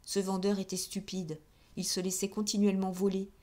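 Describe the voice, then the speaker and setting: A woman reading a classic novel aloud as an audiobook, in a steady, clear narration. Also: medium pitch, brisk. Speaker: audiobook reader.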